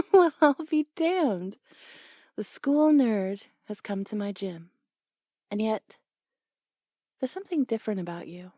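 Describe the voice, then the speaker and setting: A young woman voicing a brash, teasing tomboy boxing coach in an audio role-play, blunt and quick to laugh. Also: medium pitch, animated, mellow, no echo, studio quality.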